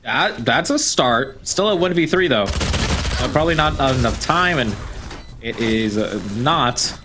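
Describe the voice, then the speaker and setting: A man calls a video game match play by play. His voice is mid-pitched and comes in halting, repetitive bursts. Background noise, clicks and game gunfire sit behind him. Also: expressive. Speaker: esports play-by-play commentator. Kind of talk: live play-by-play game commentary.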